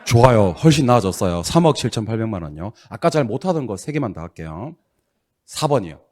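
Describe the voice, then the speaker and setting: A middle-aged man teaching a real estate exam class, drilling students on reading numbers aloud in a brisk, teasing, scolding way. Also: lowish voice, very animated. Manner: brisk, scolding, teasing, loud bursts of exasperation.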